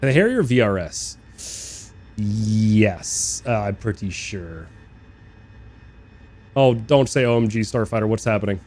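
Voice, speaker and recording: A young man live-streaming a flight sim, chatting casually and rambling, swearing freely, talking to his chat and bursting into loud incredulous rants. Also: on the low side, lively intonation, takes it slowly. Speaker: game streamer. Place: living in Australia.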